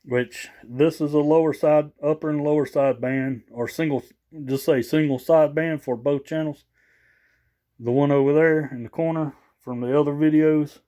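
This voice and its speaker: With a mellow, slightly high voice, the vlogger chats loosely about the CB radio he just got. It's an unscripted, folksy show-and-tell, and he comes across as a bit tired following his workday.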